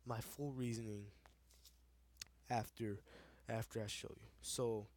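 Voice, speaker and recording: A man's voice: fairly low pitch, steady tone, takes it slowly, darkish tone, no echo. A young man giving casual, rambling commentary over his game footage, often tripping over repeated words. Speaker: let's play gamer.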